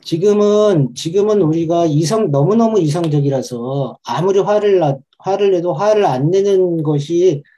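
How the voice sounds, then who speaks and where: A man speaking as a parenting expert to a live audience of mothers, explaining in a lively way and acting out inner voices. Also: on the high side, moderate pace, hardly any pauses. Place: talk event with live audience.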